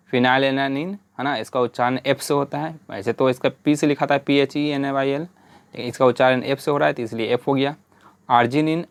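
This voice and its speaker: A man's voice: mid-range voice, no room sound. Dry-voiced male teacher drilling a lesson. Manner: patient, repeats "है ना" and "ठीक है" often; spells out letters and drills lists step by step. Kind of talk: whiteboard lesson.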